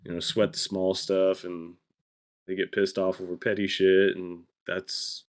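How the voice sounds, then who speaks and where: A man's voice: low-pitched, flat delivery, unhurried. A man co-hosting a podcast, talking casually in a laid-back, easygoing manner. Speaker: podcast co-host. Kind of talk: casual chat.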